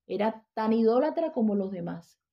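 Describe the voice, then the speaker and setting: Gravelly woman teaching the Bible. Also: a little high, expressive, normal speed. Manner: checks in with listeners, frequent restarts. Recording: dull lo-fi recording.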